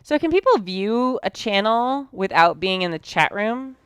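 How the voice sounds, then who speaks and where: A woman's voice: medium pitch, animated, a little slow, a bit bright, clean tone, dry recording, clean studio sound. A woman streaming live from her sewing room late at night, tired, chatting casually with her viewers as she sews. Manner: chatty, talks to chat while working.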